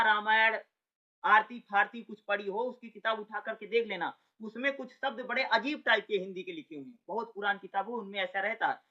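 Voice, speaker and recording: A man's voice: high-pitched, bright, forceful tone. A man giving an informal exam-prep lecture, chatty and full of rhetorical questions and repeated check-ins. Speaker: teacher. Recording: dull lo-fi audio.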